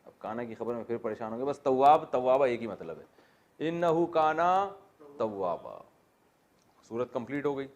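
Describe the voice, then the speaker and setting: A man's voice: mid-range voice, lively intonation, darkish tone, muffled recording. A man teaching a Quran exegesis class, explaining Arabic grammar and putting questions to his students with joking asides.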